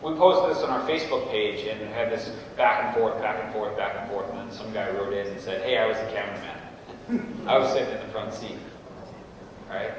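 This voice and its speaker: A middle-aged guest speaker with a lowish voice talks fairly quickly to parents in a school auditorium, telling stories in a conversational way and often checking in with "right?". A distant room mic captures him from far off, so the hall sounds echoey and noisy.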